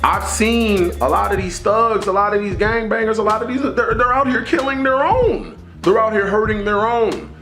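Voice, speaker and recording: A man's voice: high-pitched, normal speed, few pauses, fairly bright tone, reverberant, soft background music. A man giving an emphatic, preachy opinion monologue, repeating phrases for stress. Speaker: commentary vlogger.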